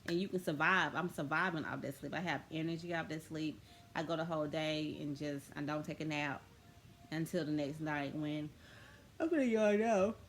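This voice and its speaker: A woman's voice: sits low, a bit bright, a little hiss or hum. A woman vlogging casually about her spiritual experiences, rambling with many fillers and restarts. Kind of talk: casual spiritual vlog talk.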